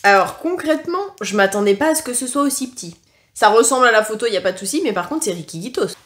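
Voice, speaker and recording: A woman's voice: fairly high pitch, expressive, fast talker, fairly bright tone, a little hiss or hum. A woman chats through a snack taste test in a casual, frank way. She stops often on filler sounds and restarts her sentences as she works out what to say. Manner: chatty and frank, leaning on "franchement" and "concrètement"; hesitant, with frequent filler sounds and self-corrections. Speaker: food tasting vlogger.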